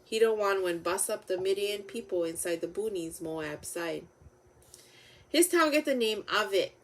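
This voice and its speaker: A woman with a Hawaiian Pidgin accent reading Bible stories aloud, halting a little over the names. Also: medium pitch, animated, rough recording. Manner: halting over names, with stumbles and self-corrections.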